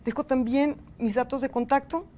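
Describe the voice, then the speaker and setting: A woman's voice: sits high, steady tone, normal speed, warm tone. A woman with a Mexican accent giving a university lecture and thanking participants earnestly. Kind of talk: university lecture with audience feedback.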